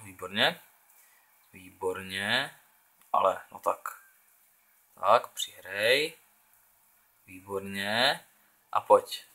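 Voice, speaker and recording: Playing a football video game, a young gaming channel host from the Czech Republic keeps up chatty commentary in a lowish, sharp voice, thinking out loud and cheering on his players.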